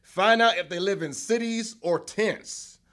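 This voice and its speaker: A man playing Moses in a children's Bible skit, proclaiming loudly to a crowd. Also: sits high, unhurried. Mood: rousing. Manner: loud, proclaiming speech to a crowd. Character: Moses, bold male leader addressing his people.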